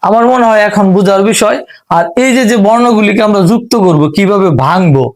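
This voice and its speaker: Male Bangladeshi teacher, high pitch, patient step-by-step delivery with lots of repetition. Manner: patient, repeats and spells out syllables slowly. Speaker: English reading teacher. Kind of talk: step-by-step spoken lesson.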